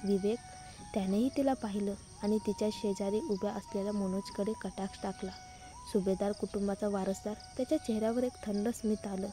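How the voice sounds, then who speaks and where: Dark-toned woman narrating a story. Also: medium pitch, fairly even intonation, brisk.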